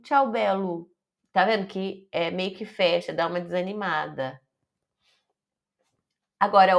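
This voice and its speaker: A woman with a Brazilian Portuguese accent teaches Italian online, carefully drawing out her example words. She speaks in a mid-range voice.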